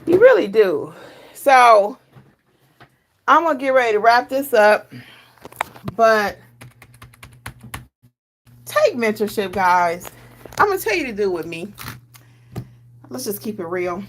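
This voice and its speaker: Woman, gravelly, chatty, emphatic, casual livestream host, mid-pitched. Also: sing-song, slow, long pauses, slight background noise. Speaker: notary trainer hosting a livestream. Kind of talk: casual livestream chat answering viewer comments.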